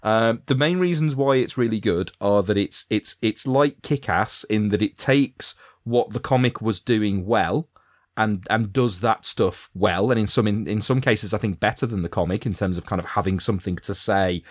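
A man from Britain chatting casually on a podcast, his voice sitting low. He rambles and restarts often, and the recording is dry and close. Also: normal speed, no echo. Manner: rambling, full of fillers and restarts. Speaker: podcast host. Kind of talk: casual chat.

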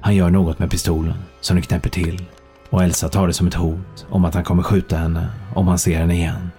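A man narrating a thriller audiobook in a calm, measured storytelling manner. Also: low voice, soft background music.

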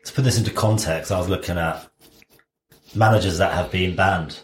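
Male podcast co-host, low voice, deadpan, casual bantering chat. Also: normal speed, roomy sound.

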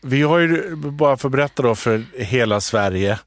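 A man in his thirties co-hosting a podcast, chatting casually and telling stories in an animated way. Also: mid-range voice, no room sound. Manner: lively, animated storyteller. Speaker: podcast co-host. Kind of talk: casual chat and storytelling.

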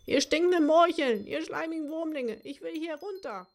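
A woman's voice: sits high, normal speed, pitched above the performer's own voice. A woman voicing a whiny, hairy male mock monster who shrieks and scolds in a children's audiobook. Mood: ranting.

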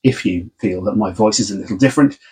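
A pastor gives a casual sermon with Bible reading from his home study, sounding friendly, conversational and informal. His voice is lowish, a little mellow and breathy, and he talks fast. He's under the weather, so he sounds snuffly and congested.

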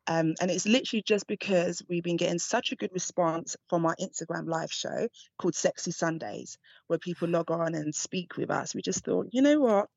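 A woman's voice: fairly low pitch, fairly even intonation, normal speed, vocal fry, no echo. A woman guest on a podcast interview, talking frankly and chattily and laughing often. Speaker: guest, dominatrix and seduction coach. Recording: dull dry remote line.

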